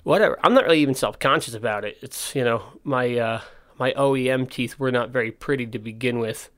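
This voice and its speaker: A man's voice: medium pitch, a little fast, a bit bright. A man talks into his podcast in a loose, informal way. His missing front teeth give his speech a slight lisp. He rambles candidly and often cuts himself off to rephrase. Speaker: podcast host and skate park owner. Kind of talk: casual solo podcast talk.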